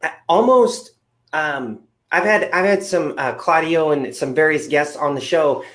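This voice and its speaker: A man's voice: a little high, unhurried, fairly bright tone. A man hosting an interview show, talking in an upbeat, rambling way with lots of fillers. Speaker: podcast host. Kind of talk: casual interview chat.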